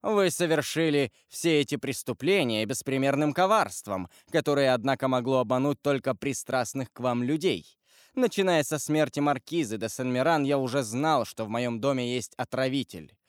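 A man's voice: mid-range voice, moderate pace, clean tone, no room sound, clean studio sound, natural voice. A man reading aloud and voicing a stern prosecutor who coldly and contemptuously accuses his wife. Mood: coldly accusing. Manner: cold, commanding, accusing, contemptuous. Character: cold, stern royal prosecutor, middle-aged husband.

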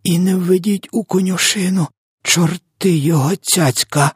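A man voicing a huge, kindly old male giant in a storybook reading, mangling his words and lurching between hushed whispers and shrill wails. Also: measured pace, breathy edge, dry recording, studio quality, full character voice. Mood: wailing. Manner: garbled grammar and made-up words, swings from hushed whisper to shrill wailing. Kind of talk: audiobook character voice.

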